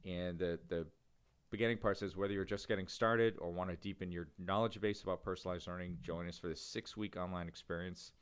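A man's voice: sits low, steady tone, a little fast, smooth. A man co-hosting an education podcast, chatting casually and rambling a little, often restarting his sentences. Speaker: podcast co-host.

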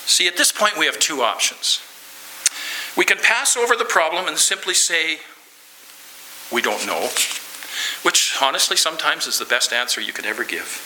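A man's voice: sits high, pushed and bright, a little hiss or hum, low-quality recording. A man preaching a guest sermon in a church, earnest and conversational, asking the congregation questions and then leading a prayer.

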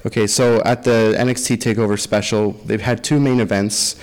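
A man's voice: fairly low pitch, steady tone, moderate pace, a little mellow. A man co-hosting a podcast, casually recapping and discussing wrestling in an echoey room. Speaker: podcast co-host.

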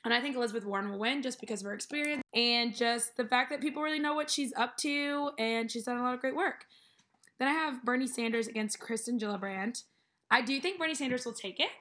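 A woman's voice: on the high side, quick pace, fairly bright tone. A young American woman co-hosting a casual podcast from a living room, chatting informally and freely giving her opinions. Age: young adult. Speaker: podcast co-host.

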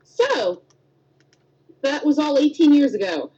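A woman's voice: sits high, big pitch swings, slow pace, mellow. A woman in her thirties co-hosting a podcast, chatting casually and telling stories with acted-out quotes. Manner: chatty storyteller, acts out quotes with squeals. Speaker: podcast co-host. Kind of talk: casual chat. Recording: dull lo-fi podcast audio.

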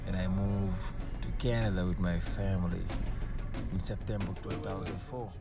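A young man from Senegal telling his life story in a relaxed interview, with loose slang and many restarts. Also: sits low, moderate pace, over music. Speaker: interview guest.

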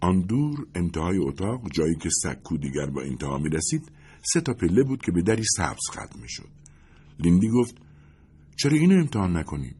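A very deep, husky male voice reads a first-person story in a measured, suspenseful way. His pitch moves a lot, rising and falling with the tension of each sentence. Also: big pitch swings, mellow. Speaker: audiobook narrator.

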